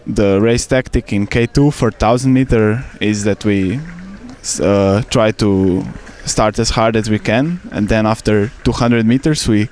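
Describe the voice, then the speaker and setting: A young Slovenian canoe sprint athlete answers interview questions in careful second-language English, with fillers and restarts, speaking into a handheld mic outdoors beside a regatta course. His voice is fairly low and darkish, a little slow with few pauses, and there's a faint hiss or hum.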